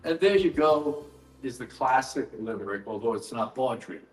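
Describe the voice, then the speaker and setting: A man presenting his book at a live event, explaining in a measured way with dry asides. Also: mid-range voice, lively intonation. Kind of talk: live explanatory talk to an audience. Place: event hall at a book fair. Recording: roomy hall echo, mic some distance off, faint music.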